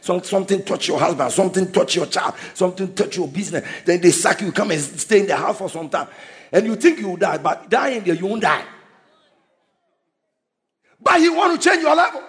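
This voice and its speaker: A male preacher delivering an emphatic sermon, often shouting and repeating his points. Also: sits high, brisk.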